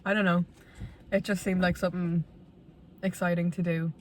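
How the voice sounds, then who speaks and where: Low-pitched young west of Ireland woman, chatty. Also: little pitch movement, moderate pace. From Galway, Ireland. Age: 20s. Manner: rambling, conversational, self-deprecating. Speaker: vlogger. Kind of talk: casual, candid chat to viewers.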